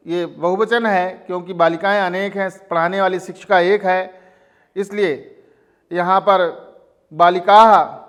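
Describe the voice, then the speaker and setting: A male school teacher giving a recorded lesson, repeating each sentence slowly to translate and explain it. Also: high-pitched, a bit bright, smooth.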